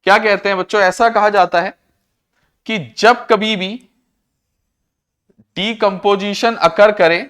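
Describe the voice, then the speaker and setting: A man teaching a class, repeating key terms, slowing down to dictate definitions and quizzing students on what was just said. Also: high-pitched, steady tone, fairly bright tone, clean tone. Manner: slows to a dictation pace for English definitions; addresses students as children. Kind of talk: classroom lecture.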